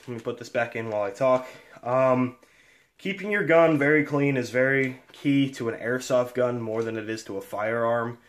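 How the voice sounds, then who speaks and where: Man, mid-range voice, casual home vlogger, halting and filler-heavy, laid-back and self-deprecating. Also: mid-range voice. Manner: rambling, halting, full of fillers and restarts. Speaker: airsoft gun reviewer. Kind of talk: casual show-and-tell vlog.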